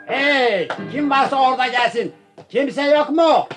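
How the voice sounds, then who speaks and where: A man's voice: on the high side, very animated, normal speed, faint music behind. An actor playing a rude, greedy male houseguest and gambler in a radio play, with a blustering manner. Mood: imperious. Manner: blustering, shouting for service.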